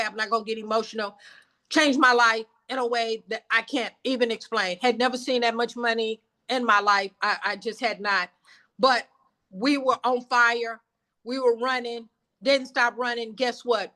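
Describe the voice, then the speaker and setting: A woman's voice: a little high, pushed and bright. A woman in her seventies leading an online sales meeting with an emphatic, repetitive, preacher-like cadence. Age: 70s. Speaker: business team leader. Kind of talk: motivational sales call.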